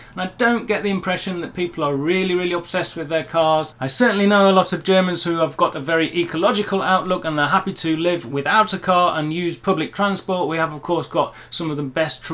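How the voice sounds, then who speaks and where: A British man with a notably high voice talks straight to camera in a casual vlog. He is wry and opinionated, weighing each point with a slightly pedantic edge. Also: a bit bright. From Britain. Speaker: vlogger.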